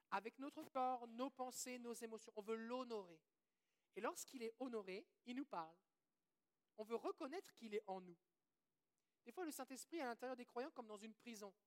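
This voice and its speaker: A woman with a Québécois French accent preaching a sermon, quoting scripture, asking the audience questions and leading prayers. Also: a little high. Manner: earnest, asks the audience questions, quotes scripture.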